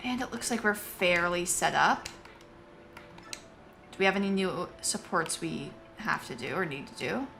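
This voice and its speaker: A woman's voice: on the low side, animated, a little slow, vocal fry, sharp tone, a little hiss or hum. A woman streamer giving casual, joking gameplay commentary and laughing often.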